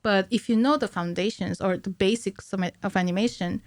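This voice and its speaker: Her medium-pitched voice moves briskly as she explains things in a giggly, laid-back way. She's an animator of around thirty appearing as a guest in a casual podcast interview, captured dry through a close, stand-mounted mic in a small indoor studio.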